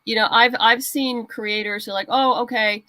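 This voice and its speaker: A woman with a slightly high, bright voice speaks in a steady yet forceful tone at normal speed, a guest writer and comic creator dispensing practical crowdfunding advice in conversational interview chat. No room sound comes through.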